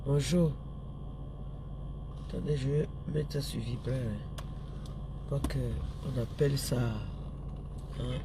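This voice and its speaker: A man's voice: medium pitch, steady tone, slow, pauses often, background noise. A man with a stuffy nose from a cold, ranting angrily on a live stream. He repeats himself and stumbles over his words. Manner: indignant, repeats himself, stammers restarts. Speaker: livestream host. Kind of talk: angry live-stream rant.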